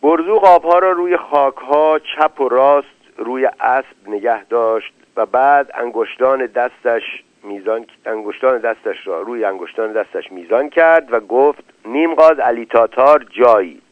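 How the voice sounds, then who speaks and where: A man's voice: mid-range voice, no echo. A man reading a story aloud as a scripted narration, giving the characters' lines with small shifts of his voice. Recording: tinny phone-like dry recording.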